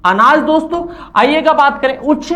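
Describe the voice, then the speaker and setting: High-voiced male teacher. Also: normal speed, bright, forceful tone. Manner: asks questions and answers them himself; has students repeat words after him. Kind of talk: Hindi grammar lesson with slides.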